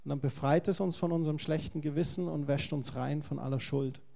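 A man's voice: on the high side, steady tone, fairly quick, vocal fry, warm tone. A man, a pastor, preaching a sermon and speaking earnestly and directly to his congregation.

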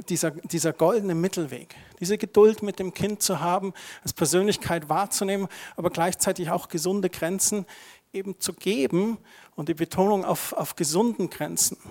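A man's voice: sits high, darkish tone. A middle-aged man preaching a sermon as pastor, chatty and conversational, with asides to the congregation. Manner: conversational, asides with tag questions.

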